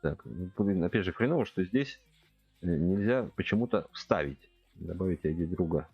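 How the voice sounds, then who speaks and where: Casting: a man in his forties, low voice, laid-back game streamer, dull dry home mic. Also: normal speed, slightly rough, no room sound, faint music behind. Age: 40s. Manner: relaxed thinking aloud, addressing chat directly. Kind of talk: casual gameplay chat with viewers. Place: home room at a computer.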